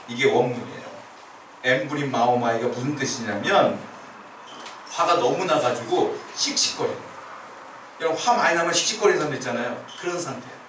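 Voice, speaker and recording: A man's voice: on the high side, a bit bright, slight background noise. A male pastor preaching a sermon, explaining step by step and asking the congregation questions. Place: church sanctuary. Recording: roomy church sound from a distant mic.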